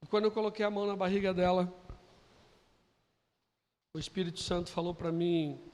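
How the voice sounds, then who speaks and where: A Brazilian man preaching a sermon, telling a story quietly and then building to loud, emphatic preaching. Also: high voice, steady tone, fairly quick. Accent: Brazilian Portuguese. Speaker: pastor. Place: church hall. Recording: long hall reverb.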